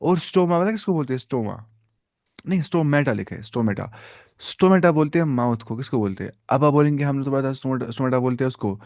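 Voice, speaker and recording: Male biology teacher, live online lecture, questions the class and answers himself, drawn-out key terms, dry close sound. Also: medium pitch, animated, darkish tone, no room sound. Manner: repeats key terms slowly, syllable by syllable; mixes English science terms into casual Hindi.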